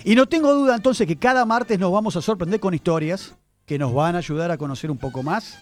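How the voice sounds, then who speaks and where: In a radio studio, a male columnist presents a chatty segment on word origins, speaking directly to listeners as he tells the story. His voice is high and fairly quick, with faint music behind him.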